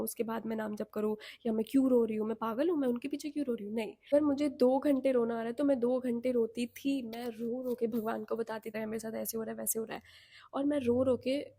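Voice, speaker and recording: A young woman with an Indian accent telling a personal story to camera in a candid, animated, self-mocking way. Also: on the high side, breathy edge. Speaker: vlogger.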